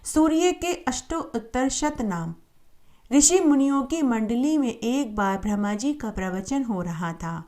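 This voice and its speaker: A woman narrates a devotional tale in a calm, unhurried way, her voice sitting a little higher than most. She moves into chanting sacred names one after another with a steady, reverent rhythm. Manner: slow, steady, reverent recitation in a measured cadence. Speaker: devotional storyteller.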